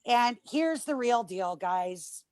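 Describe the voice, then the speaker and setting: A woman's voice: a little high, lively intonation, slow pace, darkish tone, no room sound. A woman giving an emphatic, gushing testimonial on a video call, at times choked up. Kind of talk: emotional testimonial.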